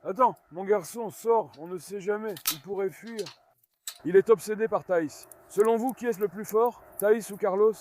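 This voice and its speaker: A man with a noticeably high voice films a casual farm vlog outdoors. He coaxes and calms his dogs in between remarks to his viewers, and dogs can be heard around him. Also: normal speed, a little hiss or hum. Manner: coaxing and calming dogs while chatting to viewers. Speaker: dog owner filming at his farm. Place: farmyard outdoors.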